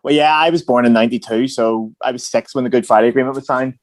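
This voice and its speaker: Male, thirties, Belfast accent, very rapid casual delivery, dry close sound. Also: mid-range voice, no echo. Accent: Belfast Northern Irish. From Lisburn, near Belfast, Northern Ireland. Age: 30s. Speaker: guest. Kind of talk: casual chat.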